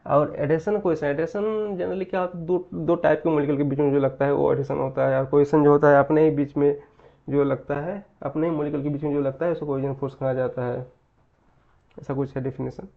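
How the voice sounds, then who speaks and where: A man teaching a physics lesson in mixed Hindi and English, repeating key phrases slowly and answering his own questions. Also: a little high, level tone, creaky, narrow, tinny audio. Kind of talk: Hindi-English mixed exam-prep lecture.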